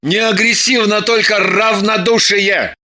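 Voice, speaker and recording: A high, bright male voice for an exasperated, jealous young man, played by a male actor. He scolds and mocks with theatrical sarcasm. It is a storybook reading. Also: fairly even intonation, a little slow, heavily acted. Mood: sardonic. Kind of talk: audiobook dialogue.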